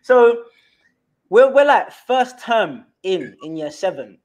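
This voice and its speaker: A young man with a London accent, telling a story from his school days as a guest on a casual interview, repeating words when excited. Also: sits high, takes it slowly. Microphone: remote call.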